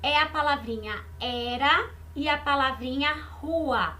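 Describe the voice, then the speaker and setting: High-pitched woman teacher, patient and unhurried, repeats words and quizzes young kids. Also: bright, forceful tone. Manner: patient, repeats words slowly and asks the class questions. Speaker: primary school teacher. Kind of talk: online lesson explaining exercises to children.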